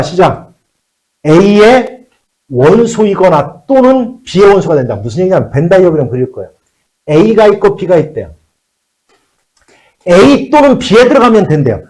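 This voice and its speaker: A man teaching high school math in a classroom, repeating key phrases and checking in with the students again and again. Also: darkish tone, poor audio. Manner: switches between polite and casual speech. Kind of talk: classroom lecture.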